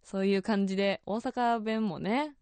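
A young woman with a Kansai accent hosts a radio show in a lively, chatty way and laughs often. Her voice sits at a middle pitch. It is recorded dry and close on a studio microphone. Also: moderate pace, clear, resonant tone, no echo. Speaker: radio host.

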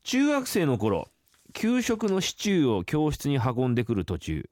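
A man chats on a studio radio show, his pitch swinging up and down as he jokes and teases his co-host. He reads listener letters aloud and laughs along. The studio sound is close and dry. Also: huge pitch swings, measured pace, darkish tone, no room sound. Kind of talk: casual radio chat reading listener messages. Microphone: studio microphone.

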